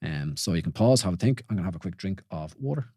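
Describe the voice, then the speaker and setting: This is a low, expressive male voice moving fast over some background noise. He's an Irish podcast host in his forties doing solo reflective talk, chatting informally, questioning, restarting sentences and dropping "you know" frequently.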